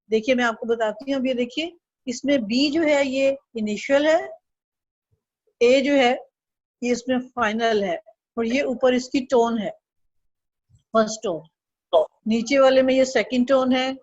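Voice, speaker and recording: High-pitched lady teaching chinese online, slow and patient, dry close sound. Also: no echo, lo-fi sound. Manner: patient, slow drilling with repeat-after-me syllables. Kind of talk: online language lesson.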